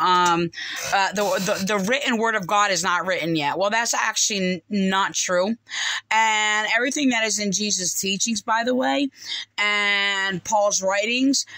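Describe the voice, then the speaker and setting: A woman's voice: mid-range voice, pushed and bright, no room sound, rough recording. A middle-aged woman talking casually into a phone held close in a dim room, commenting on scripture with many fillers, restarts and hesitations. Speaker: video commentator. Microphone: phone held close to face.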